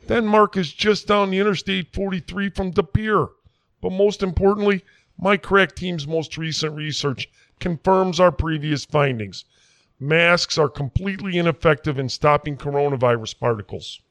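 A man's voice: on the high side, moderate pace, fairly bright tone, no echo. A man doing a folksy quack doctor. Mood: rambling. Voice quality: folksy, rambling, self-assured. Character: folksy small-town Wisconsin "doctor", middle-aged man. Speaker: comic character in a mock interview.

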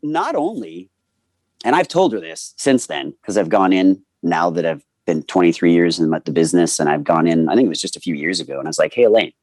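Male voice actor, 40s, interview guest; low-pitched, bone-dry sound, animated storyteller who acts out his quotes. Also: a little fast, no room sound.

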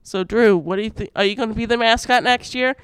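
A man's voice: sits high, fast, a bit bright, slight background noise. A teenage boy co-hosting a school morning radio show, reading announcements in an upbeat way with playful asides. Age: teens. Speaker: student radio co-host.

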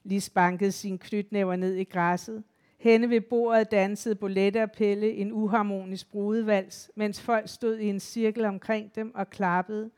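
A woman narrating a literary audiobook in an even, measured storytelling voice. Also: medium pitch, smooth.

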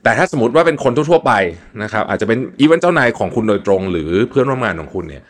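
A man's voice: mid-range voice, sing-song, fast. A man hosting a solo podcast, explaining tips in a chatty, casual way with frequent polite particles and repeated words. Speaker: podcast host.

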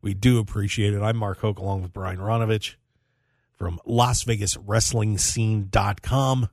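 An American man with a lowish voice hosts a laid-back sports talk radio show, joking and rambling as he goes. He's recorded in a dry radio studio at studio quality, with no echo.

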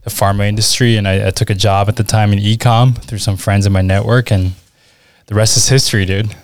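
A man's voice: fairly low pitch, brisk, dry recording, clean studio sound. A man in his thirties with an American accent, a guest chatting casually in an interview with many ums. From Washington, D.C. area, USA. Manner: relaxed, chatty, frequent ums and uhs. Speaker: guest, e-commerce manager.

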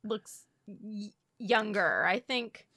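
A woman's voice: medium pitch, very slow, pushed and bright, dry recording, clean studio sound. A young woman co-hosting a casual movie recap podcast, emphatic and jokey, often laughing into her lines. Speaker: podcast co-host.

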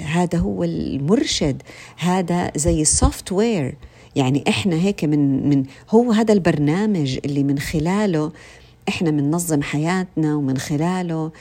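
A woman's voice: sits low, mellow. A woman with a Levantine Arabic accent giving an informal religious talk, speaking to her listeners directly with many fillers and restarts.

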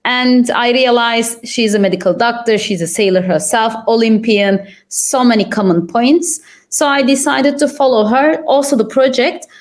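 A young adult woman from Turkey, a podcast guest, answering thoughtfully with frequent pauses and fillers. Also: a little high. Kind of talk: conversational interview answers.

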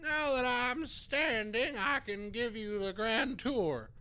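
Very old man hermit, high bright voice, slow, grandiloquent, wailing, comic audio drama. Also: animated, clean tone, full character voice. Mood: hospitable, rambling. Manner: grandiloquent, wailing, drawn-out complaints in flowery speech. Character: very old, frail, melodramatic male woodland hermit.

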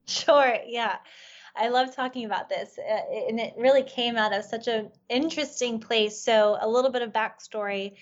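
A Farsi-speaking woman, a life coach, tells a personal story during a podcast interview, sounding earnest and reflective and saying "you know" often. Her voice is fairly high and her pace moderate. The audio is dull.

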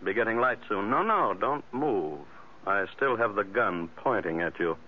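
A smug gentleman murderer in vintage radio drama, his low voice measured and courteously sinister. The sound is very thin and phone-like. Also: lively intonation. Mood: polite menace. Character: smug, genteel, menacing murderer and author. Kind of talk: old-time radio drama acting.

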